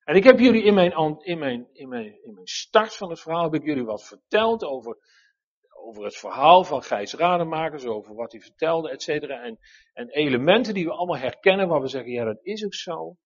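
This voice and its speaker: Animated man preaching, husky voice. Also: on the high side, a little fast, dull audio. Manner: earnest, animated, with frequent restarts. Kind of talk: sermon.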